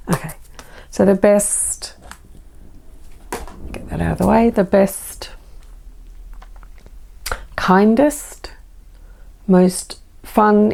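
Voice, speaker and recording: A woman's voice: mid-range voice, gravelly, mellow, a little hiss or hum. An Australian woman reading oracle cards, chatty and rambling with self-deprecating asides. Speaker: oracle card reader. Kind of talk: casual spoken intro to a card reading.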